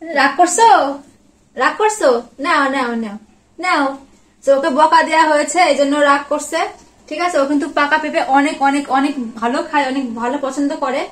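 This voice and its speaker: A woman's voice: high voice, fairly even intonation, brisk, a bit bright. A woman vlogging at home, coaxing her pet dog with repeated short words. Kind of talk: casual home vlog, talking to a pet dog. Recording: echoey room.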